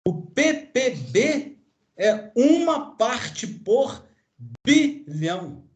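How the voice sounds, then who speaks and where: Extremely high in pitch and sing-song, this man speaks extremely slowly. A Brazilian chemistry teacher in his sixties or older, he lectures while pointing at a graph, peppering nearly every phrase with tag questions and fillers aimed at his class, and the room echoes.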